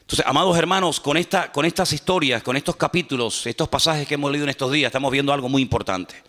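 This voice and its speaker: A man preaching a sermon as a pastor, animated and humorous, acting out little dialogues. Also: a little high, quick pace. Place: church. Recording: church hall reverb.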